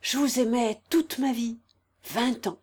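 A woman's voice: mid-range voice, animated, slow. A woman voicing a sick, timid old man who stammers out tender words breathlessly. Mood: faltering, tender.

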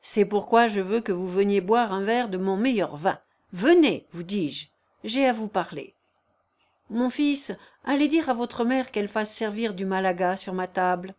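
A woman's voice: mid-range voice, unhurried, lightly acted. Woman reading as a stern, sardonic mill owner. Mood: commanding. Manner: commanding, sharp, loud.

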